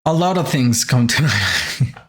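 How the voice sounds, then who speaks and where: A man hosting casual reaction commentary on commercials, halting as he searches for words. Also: mid-range voice, very animated, a bit bright. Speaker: host reviewing commercials.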